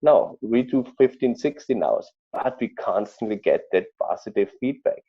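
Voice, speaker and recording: A man with an Austrian accent, a chef telling stories in an interview, speaking haltingly with many fillers and restarts. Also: medium pitch, expressive, slightly rough, muffled recording. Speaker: chef guest. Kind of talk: conversational interview storytelling.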